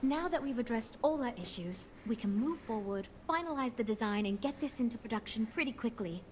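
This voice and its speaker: An actress as an earnest woman project leader in a game, with a fairly high, very animated voice. She is diplomatic and businesslike, choosing her words to keep the peace. There is faint noise behind her. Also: a little fast, lightly acted. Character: earnest, diplomatic woman leading a ship design team. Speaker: game character, design team leader. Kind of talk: scripted game dialogue.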